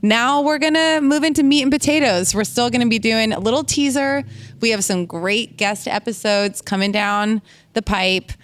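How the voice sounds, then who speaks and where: A woman co-hosting a casual podcast, chatty, bubbly and quick to laugh. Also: fairly high pitch, fairly bright tone. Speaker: podcast co-host. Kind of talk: casual chat.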